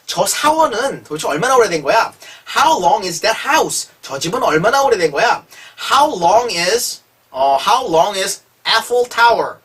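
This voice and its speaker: An English teacher giving a chatty language lesson, reading example sentences slowly and clearly before translating them, with frequent prompts to the learner. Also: mid-range voice, sing-song, a bit bright. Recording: voice a little distant from the mic.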